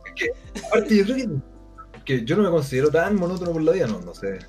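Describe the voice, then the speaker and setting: A man's voice: a little high, sing-song, a little fast, a little mellow, soft background music. Blunt Chilean man ranting casually. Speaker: co-host. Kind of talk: casual podcast chat.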